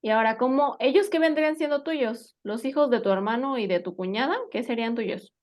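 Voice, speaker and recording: A woman with a slightly high voice teaches English vocabulary. She is patient, asks her student questions and keeps checking they follow along with little tag questions. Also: brisk. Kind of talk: live English vocabulary lesson.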